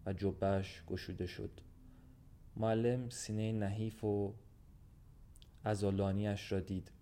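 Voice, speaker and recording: A man reads a literary story aloud as audiobook narration, measured and even. His voice is low, with a mellow, warm tone. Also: slight background noise.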